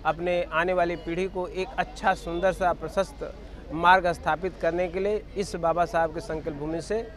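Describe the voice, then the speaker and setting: A man giving a measured, formal statement to a reporter outdoors, pausing with fillers. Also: high voice, steady tone, fairly bright tone. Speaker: interviewee, association general secretary.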